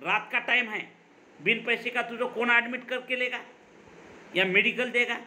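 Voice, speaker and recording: A man reading aloud the lines of a rough male burglar who barks threats and orders. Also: extremely high pitch, steady tone, normal speed, pushed and bright, a little hiss or hum, voice pushed up, heavily acted. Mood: gruff. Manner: gruff commands in Hindi-mixed speech.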